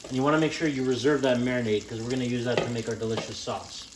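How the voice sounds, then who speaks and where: A relaxed young man who hosts a home cooking channel teaches a recipe step by step while standing at the stove in his home kitchen. His mid-range voice moves fast over heavy background noise, and he speaks plainly, with frequent "uh" and "um" fillers and small self-corrections.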